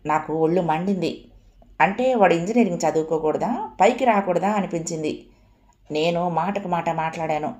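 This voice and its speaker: A woman's voice: on the low side, moderate pace. Woman narrating an audiobook story. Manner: first-person, expressive. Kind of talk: storytelling narration of a family novel.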